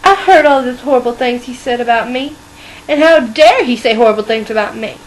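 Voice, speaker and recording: A woman's voice: a little high, brisk, a little hiss or hum, natural voice, poor audio. Woman as a huffy, indignant young woman. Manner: huffy, blunt, casual modern slang.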